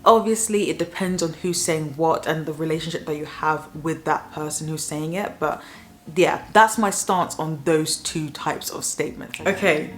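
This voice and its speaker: A young YouTuber from the south of England speaks directly to camera in an opinion vlog, her voice low for a woman. She shares her views frankly and plainly at a normal speed, keeping things easy and conversational.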